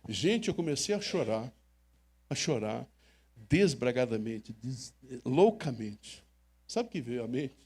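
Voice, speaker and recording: A man's voice: medium pitch, big pitch swings, takes it slowly, a little mellow, slightly rough. An older man from Brazil, a pastor preaching an emotional sermon, telling personal stories and speaking straight to the congregation. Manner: emotional, storytelling, direct address to congregation. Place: church sanctuary.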